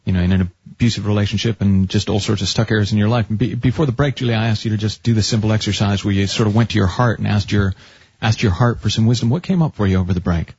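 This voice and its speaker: Speaking fast in a somewhat mellow, lowish voice with some breathiness, this radio advice host chats with callers in a coaching manner and keeps interrupting himself mid-sentence. His studio recording sounds dry and lo-fi.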